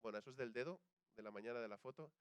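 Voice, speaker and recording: A young man with a Spanish accent from Spain delivers a sermon like a conversation, asking the audience questions and dramatizing quoted voices. His mid-range voice is quick and clean, captured in a dry recording.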